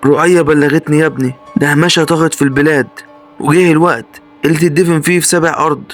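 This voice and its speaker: A man with an Egyptian Arabic accent voicing a pious old sheikh who speaks with calm, grave steadiness. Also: a little high, fast, soft background music, lightly acted.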